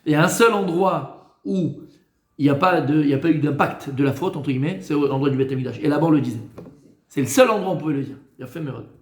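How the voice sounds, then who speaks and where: A man's voice: a little high, fast. Man teaching in an echoey room. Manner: questions the class and answers himself. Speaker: rabbi teaching a class. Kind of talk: lively classroom teaching.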